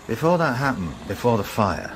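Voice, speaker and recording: A man acting in a radio drama as a patient, middle-aged detective inspector, asking terse, polite, quietly probing questions. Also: medium pitch, big pitch swings, normal speed, a little hiss or hum, natural voice, low-quality recording. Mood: probing, dry.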